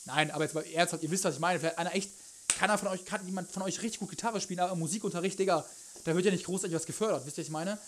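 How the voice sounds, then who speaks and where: A man's voice: sits high, very fast, a bit bright, a little hiss or hum. A young man chatting casually on a cooking livestream, rambling and joking in loose slang as he answers his chat. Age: young adult. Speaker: live streamer, cooking show host. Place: home kitchen, indoors. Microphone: headset.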